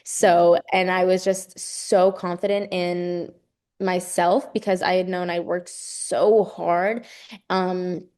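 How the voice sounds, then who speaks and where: A woman's voice: lowish voice, little pitch movement, slow pace, a little mellow. A young adult woman, a college gymnast, speaking in an earnest, effusive and emphatic way as the guest in a casual interview.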